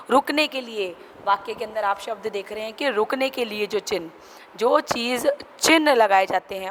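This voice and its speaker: A woman teacher giving a school grammar lesson and repeating her examples as she explains them step by step. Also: medium pitch. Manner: explains slowly, repeats examples, asks students questions. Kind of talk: online class lesson. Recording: clear background noise.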